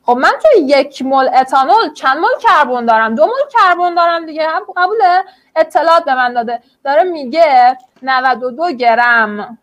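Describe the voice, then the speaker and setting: High-voiced woman teaching online chemistry. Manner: encouraging, explains step by step, colloquial.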